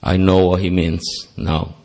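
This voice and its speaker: A Costa Rican man speaks in an unhurried, slightly mellow voice that sits low and stays level. Spanish is his first language, his accent is Costa Rican Spanish, and he's sharing a sincere personal testimony, laced with humor at his own expense, at a recovery meeting in a meeting hall.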